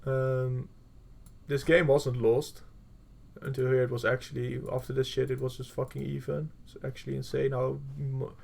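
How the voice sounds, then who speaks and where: Brief: male coach, gravelly voice, middle pitch, blunt and profane while reviewing gameplay, plenty of fillers. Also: flat delivery, moderate pace, a little mellow. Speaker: game coach.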